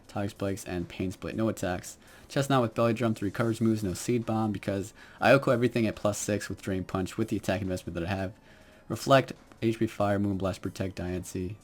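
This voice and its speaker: Hesitant young man, low voice. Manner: quiet, hesitant, many fillers. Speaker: Pokemon battle commentator. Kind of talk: game commentary.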